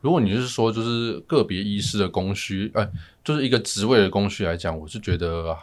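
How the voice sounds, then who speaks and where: A man with a Taiwanese Mandarin accent explaining things as a guest in a casual podcast interview, softening his sentence endings. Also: on the low side, brisk. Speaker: family physician guest.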